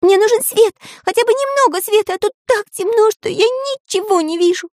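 A woman voicing a small, brave magic pencil boy in a children's audiobook, in a high, bright, pleading voice. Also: a little fast, no room sound, clean studio sound. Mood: tearful.

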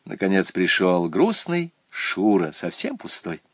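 Guy reading a kids' story, super lively pitch, dry close sound. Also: a little slow, slightly rough, dry recording. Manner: animated, expressive. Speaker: narrator. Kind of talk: reading a children's story aloud.

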